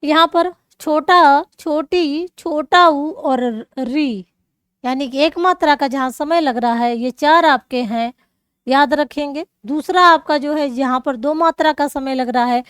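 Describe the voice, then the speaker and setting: A woman's voice: high-pitched, measured pace, a bit bright, dry recording, studio quality. A woman teacher explaining grammar rules step by step, checking in often with her students. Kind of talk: classroom lesson.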